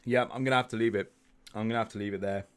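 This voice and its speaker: This trading group host talks rapid-fire in a lowish, clean voice that keeps a steady tone. Live on stream, he chats through chart analysis, thinking aloud with restarts and repeated words and asking viewers for their views.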